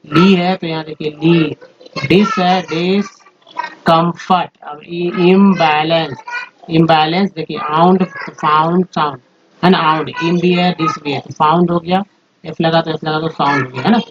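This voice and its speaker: A man with a fairly high voice teaches English phonics from slides, repeating each sound patiently and often turning to his viewers as friends. The audio is dull and slightly lo-fi, with a faint hiss underneath. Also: fairly even intonation, a little slow. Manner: repetitive, step-by-step explaining, addresses viewers as friends. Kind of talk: slide-based phonics lesson.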